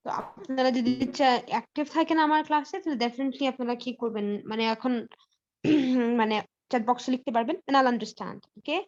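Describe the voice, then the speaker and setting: A woman with a high voice teaches English in a live online class. She explains step by step, pausing on fillers and slipping in English phrases. Her audio sounds a little dull and lo-fi, like a computer mic on a call.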